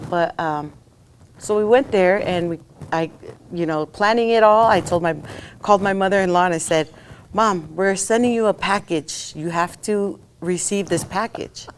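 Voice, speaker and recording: A woman co-hosting a podcast, telling a family story in a rambling, animated way with lots of fillers. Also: fairly low pitch, normal speed, a little hiss or hum. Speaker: podcast co-host. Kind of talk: casual storytelling chat.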